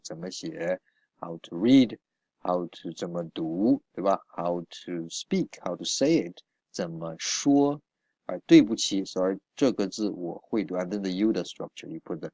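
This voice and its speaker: A man's voice: deep voice, a little mellow, no room sound. A man teaching a beginner Chinese lesson, explaining patiently and checking in often with "right?" and filler sounds.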